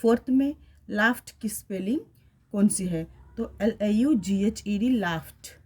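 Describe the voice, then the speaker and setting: Woman, teacher, classroom lesson, spells words letter by letter, mid-pitched voice. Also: measured pace, a little mellow, slightly rough. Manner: spells words letter by letter, mixes Hindi and English. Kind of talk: classroom lesson explaining a workbook.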